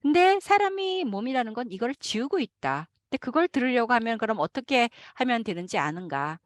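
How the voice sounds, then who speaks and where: A woman interprets a lecture live, her fairly high voice rising and falling with lively swings. She keeps going through frequent hesitant fillers while she finds her words. The recording is dry and close, with no room sound. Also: no room sound.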